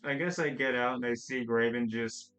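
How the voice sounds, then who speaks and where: A man's voice: medium pitch, fairly even intonation, moderate pace, fairly bright tone, soft background music, rough recording. A man playing a tabletop game, hesitant and thinking aloud about his moves. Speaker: player. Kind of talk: casual chat in a tabletop game.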